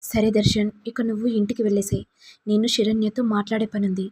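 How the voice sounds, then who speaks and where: A woman doing a calm caring mother-in-law. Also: medium pitch, fast, breathy edge. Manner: gently advising.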